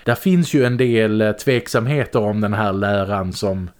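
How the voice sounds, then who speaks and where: Low-voiced man chatting about a film. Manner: relaxed, chatty, acts out quotes in a raised voice. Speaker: podcast co-host. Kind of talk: casual film discussion.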